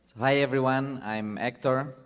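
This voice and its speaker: A man from Spain introduces himself on a conference panel at an ordinary pitch. He speaks modestly and lets his sentences trail off. The recording has the long reverb of a hall. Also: fairly even intonation, normal speed, a little hiss or hum. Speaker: deputy secretary of the board.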